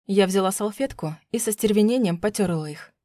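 A woman's voice: medium pitch, a little fast, dark tone, no echo, studio quality. A woman reading a first-person audiobook in a tense, dramatic way. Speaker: audiobook narrator.

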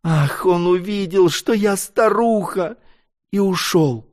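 A man's voice: fairly high pitch, a little slow, a little mellow, pitched above the performer's own voice, close to an everyday voice. A man reading an audiobook, voicing a despairing young woman who sobs and rails in anguish. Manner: sobbing, pleading, hysterical. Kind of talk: audiobook character voice.

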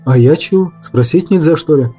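A man voicing a young hot-tempered police sergeant who speaks bluntly, a bit lower than his own voice. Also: a little fast, warm tone, breathy edge, soft background music. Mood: exasperated. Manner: blunt exasperated speech.

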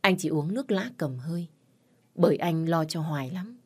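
A woman tells a dramatic family story in an earnest, measured storyteller's voice. Her tone sits fairly low with a breathy, husky grain. She keeps the narration steady and serious.

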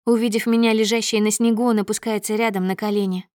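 A woman reading a first-person story aloud in a measured, dramatic storytelling manner. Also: medium pitch, level tone, a little mellow, no room sound, clean studio sound. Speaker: audiobook narrator. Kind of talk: first-person audiobook narration.

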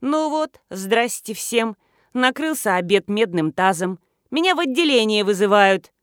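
Female reader as brusque nurse mom, sharp scolding, lively swings, dry audio. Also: mid-range voice, a little slow, dry recording, close to an everyday voice. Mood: annoyed. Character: irritable middle-aged nurse mother, brusque.

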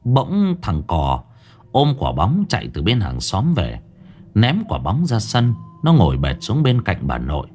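A man's voice: fairly low pitch, huge pitch swings, unhurried, darkish tone. A man narrating a ghost story dramatically. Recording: faint background music.

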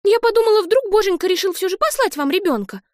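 A woman voicing an excitable, lively little girl who talks in an eager, high, bright way. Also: quick pace, no echo, studio quality. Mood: excited.

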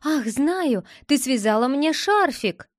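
A woman's voice: high voice, lively intonation, slow pace, dry recording, studio quality, voice pushed up. A woman voicing a curious young boy who keeps begging his sister to show him a secret, wheedling and insistent. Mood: pleading.

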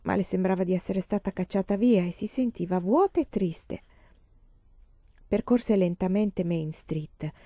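A woman reading a novel aloud in a calm, even storytelling voice. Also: fairly low pitch, no echo, dull audio. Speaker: reader. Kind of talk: audiobook reading.

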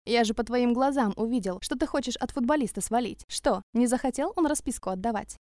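A woman's voice: a little high, brisk, no room sound, clean studio sound, lightly acted. Woman voicing a cheeky easygoing young guy. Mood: teasing easygoing. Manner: relaxed, teasing. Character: easygoing cheeky young man, jokey slacker.

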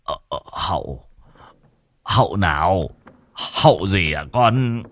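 A man's voice: deep voice, animated, takes it slowly, fairly bright tone, no echo, heavily acted. A man voicing a frightened older village father who speaks in a trembling, pleading way in a storybook reading. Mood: shaken.

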